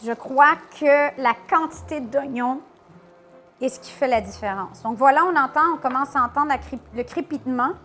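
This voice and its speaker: A woman's voice: high voice, moderate pace, fairly bright tone, faint music behind. A woman hosting a cooking tutorial, chatty and playful as she talks to viewers in a home kitchen. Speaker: cooking show host.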